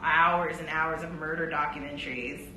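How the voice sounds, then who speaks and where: A chatty woman from New with a bright, crisp voice. She laughs easily as she chats. The room is echoey, with a faint hiss behind her. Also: sits low, steady tone, normal speed. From New York. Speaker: podcast co-host. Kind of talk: casual chat.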